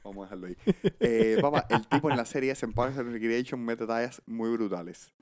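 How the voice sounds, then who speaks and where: A man co-hosting a casual podcast, talking fast and excitedly. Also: mid-range voice, gravelly. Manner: rapid, excitable, says "papá" a lot. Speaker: podcast co-host. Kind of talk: casual chat.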